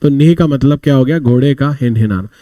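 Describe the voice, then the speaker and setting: A man's voice: mid-range voice, brisk, dark tone, no room sound. A man teaching a vocabulary class, telling little stories to explain words and asking and answering his own questions. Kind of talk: live online vocabulary class.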